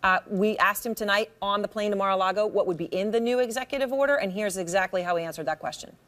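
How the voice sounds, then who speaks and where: Woman, TV news anchor, mid-pitched, brisk, questioning. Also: a bit bright. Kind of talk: TV news interview.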